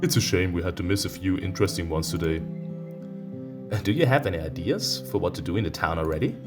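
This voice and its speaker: Over guitar music, a low-voiced man reads a visual novel aloud at a fast clip as a let's-play host. He keeps breaking off for expressive, teasing reactions.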